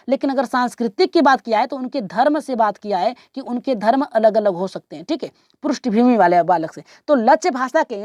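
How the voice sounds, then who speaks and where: High-voiced woman teaching with dry sound. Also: darkish tone, no room sound. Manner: explains step by step, repeats answers, asks viewers to reply. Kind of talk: exam-prep lesson.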